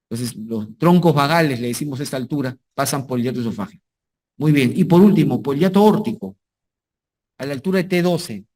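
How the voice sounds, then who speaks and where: A man's voice: on the high side, darkish tone. A man teaching anatomy in a lecture, repeating key terms, asking if students follow and adding jokey asides. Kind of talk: medical lecture with slides.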